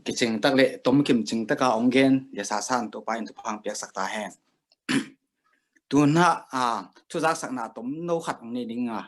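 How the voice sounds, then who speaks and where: A man's voice: mid-range voice, normal speed. A man hosting a live stream over a video call, talking loosely with frequent "ah" fillers. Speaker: host.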